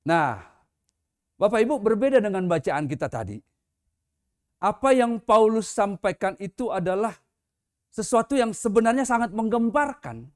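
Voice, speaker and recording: Pastor preaching a Sunday sermon in church, conversational, man with a high voice. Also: very animated, normal speed, pauses often. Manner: conversational, with casual example voices.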